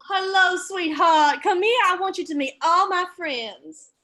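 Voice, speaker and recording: A woman's voice: high voice, expressive, moderate pace, a bit bright. A woman reading a flirtatious Southern belle in an amateur sitcom table read. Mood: flirty.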